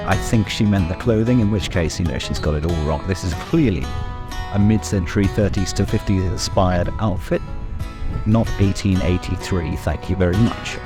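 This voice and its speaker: A man's voice: low voice, normal speed, over music. A young man giving a chatty, wry walkthrough for a travel vlog. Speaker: travel vlogger. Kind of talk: casual walkthrough to camera.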